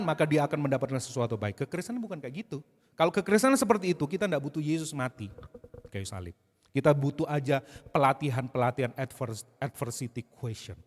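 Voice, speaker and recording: A man preaching a sermon in a lively way, asking the congregation questions and acting out short asides. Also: fairly high pitch. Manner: animated preaching with rhetorical questions and acted asides. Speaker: pastor. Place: church service hall. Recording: church hall with long reverb.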